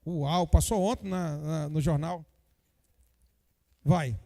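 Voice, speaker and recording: A man's voice: high voice, lively intonation, moderate pace, dark tone, in a large hall. A man teaching a church Bible lesson, talking straight to the congregation with joking asides and frequent tag questions. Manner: addresses the congregation directly. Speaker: Sunday school teacher.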